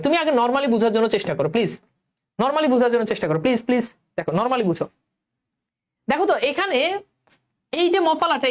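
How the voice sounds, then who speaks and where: A coaxing Bangladeshi woman teacher. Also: sits high. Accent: Bangladeshi Bengali, colloquial. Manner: coaxing, quizzes students, repeats words slowly. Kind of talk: online class lesson.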